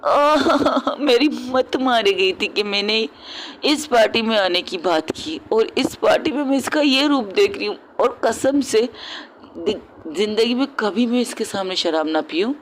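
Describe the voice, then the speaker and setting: A woman voicing a stern young woman who scolds her drunk partner in a lower, exasperated tone. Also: lively intonation, a little slow, a little hiss or hum, low-quality recording. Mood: scolding.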